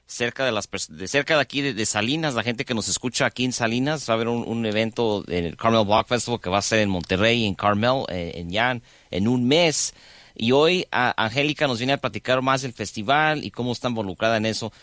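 A man hosting a radio interview, friendly and halting, often repeating words. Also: mid-range voice, a bit bright, no echo, studio quality. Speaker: radio host.

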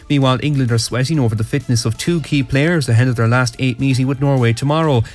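An Irish man reading a scripted radio bulletin as a news, weather and sport presenter. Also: mid-range voice. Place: radio studio. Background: music.

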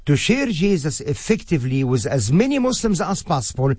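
A man's voice: fairly high pitch, very animated, a little fast, slightly rough, no room sound. A man from Egypt giving an earnest, emphatic ministry announcement. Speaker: ministry spokesman. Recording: dry close voice over soft music.

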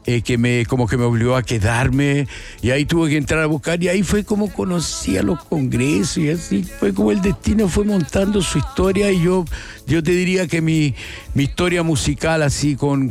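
A man's voice: on the high side, a little mellow. A man in his forties with a Chilean accent, telling his story as a musician in a casual interview, rambling and reflective, restarting often. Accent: Chilean Spanish. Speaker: musician guest.

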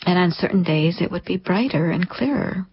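A woman's voice: lowish voice, lively intonation, normal speed, husky. A woman in her thirties, an interview guest, telling a personal story in an earnest, reflective way. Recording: lo-fi dull sound.

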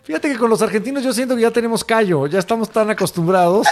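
A man's voice: sits high, fast. A man with a Mexican accent on a sports panel, teasing the others. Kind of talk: casual sports banter.

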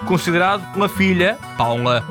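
A man with a European Portuguese accent reads a news report in a measured way. His voice sits a little high. Guitar music runs clearly behind him. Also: expressive. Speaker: radio reporter.

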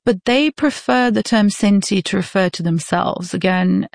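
A woman's voice: mid-range voice, moderate pace, creaky, no room sound, studio quality. A woman from Romania, an author answering interview questions in an informed, explanatory way. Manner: informed, explanatory, laughs easily. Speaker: author guest.

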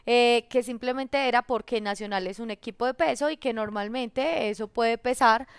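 A Colombian woman hosts a sports show with easy, chatty talk, sometimes reading statements aloud. Her voice sits a little high and comes through smooth and clear. The sound is dry and close, like a studio. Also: normal speed, dry recording.

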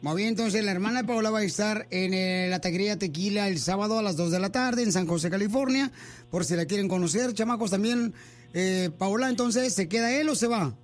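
A man's voice: high voice, brisk. A man hosting a radio show, chatting playfully and teasing callers with pet names.

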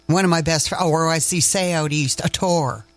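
A community radio host speaks with a Maritime Canadian accent from Nova Scotia. The delivery is chatty, folksy and effusive, at a middling pitch, in the loose style of live casual radio. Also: steady tone, normal speed.

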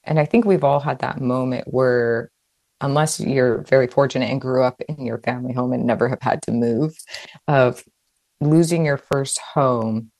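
A woman from Hawaii answers interview questions about her writing in a very low, dusky voice. She talks fast and loosely, circling back with fillers and restarts. The sound is dry and close, with no room around it. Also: darkish tone, no echo. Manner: quick, chatty, many "like" fillers and restarts. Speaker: author, guest.

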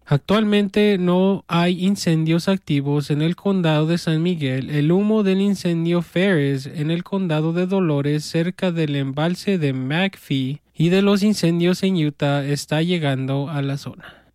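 Male radio host; slightly high voice, measured reading, dry booth sound. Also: a little mellow, clean tone, dry recording. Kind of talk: reading announcements and interview questions.

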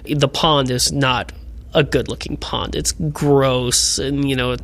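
A man's voice: medium pitch, flat delivery, slow pace, gravelly, a bit bright. An enthusiastic man in his twenties chatting casually in an interview, sharing personal anecdotes. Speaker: amusement park manager.

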